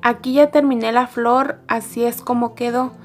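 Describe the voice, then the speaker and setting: A woman teaching embroidery step by step in a calm, methodical way. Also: a little high, normal speed, soft background music. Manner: calm, methodical, repeating each stitch step. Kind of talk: step-by-step craft tutorial.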